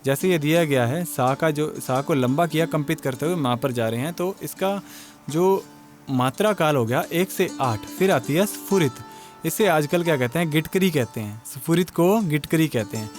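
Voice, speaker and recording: A male music teacher giving an exam-prep lecture, explaining step by step and asking and answering his own questions. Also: on the high side.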